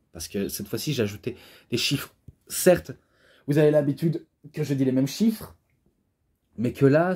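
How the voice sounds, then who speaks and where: A man's voice: medium pitch, mellow. A man giving a rambling, casual spoken review who gets carried away as he talks, with an imposing voice. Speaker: wrestling DVD reviewer.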